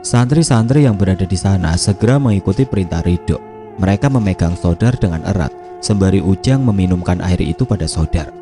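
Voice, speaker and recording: A man narrating a scripted horror story in a steady, measured reading. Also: sits low, over music.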